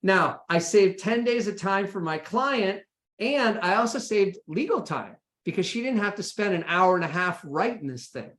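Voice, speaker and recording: An American man with a high, animated, slightly bright voice speaks at a moderate pace. He runs an informal, practical session in a conversational style, often checking in with listeners by asking "right?" and "okay?". The room sounds echoey.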